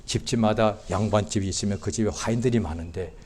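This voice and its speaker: A male pastor preaching a sermon, swinging from quiet asides to loud impassioned cries and acting out the voices of doubters. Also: lowish voice, fast talker, slight background noise. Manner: acts out quoted voices of doubters. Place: church sanctuary.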